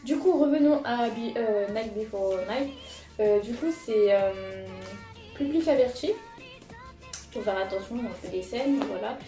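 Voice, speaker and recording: A woman's voice: fairly high pitch, measured pace, dark tone. Chatty young Frenchwoman in an echoey room. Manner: chatty, hesitant, many fillers and restarts. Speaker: manga vlogger. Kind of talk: casual chat showing purchases. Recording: echoey room with music behind.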